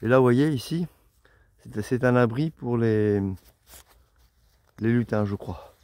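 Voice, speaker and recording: A man's voice: medium pitch, slow, darkish tone, no room sound. A middle-aged man chatting casually to his camera as he walks through open countryside, rambling and easily amazed by what he sees. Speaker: walking pilgrim vlogger. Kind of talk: casual vlog narration while walking.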